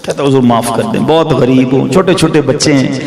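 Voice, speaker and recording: A man's voice: medium pitch, a little mellow, pitched below the performer's own voice, natural voice. A man voicing a poor pleading thief. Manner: pleading, begging. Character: poor pleading male thief begging mercy. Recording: long hall reverb.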